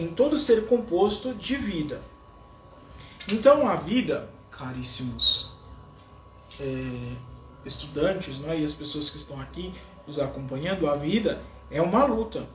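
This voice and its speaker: A Brazilian man preaches a sermon in a high, light voice, often asking his listeners questions as he explains. He stands back from the microphone, and his voice echoes through the space over a faint background hiss. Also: far from the mic. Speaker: priest.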